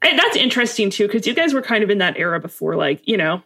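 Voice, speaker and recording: A woman co-hosting a podcast, chatting casually and throwing in quick jokes. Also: medium pitch, big pitch swings, a bit bright. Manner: quick reactive interjections and jokes. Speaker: podcast co-host. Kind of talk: casual chat.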